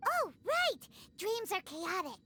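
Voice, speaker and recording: A woman voicing Paimon, a tiny floating female companion who is excitable, exclaims often and talks about herself in the third person, in a video game. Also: slow, a little hiss or hum, full character voice. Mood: eager. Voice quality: squeaky, very high childlike voice. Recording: game sounds loud behind the voice.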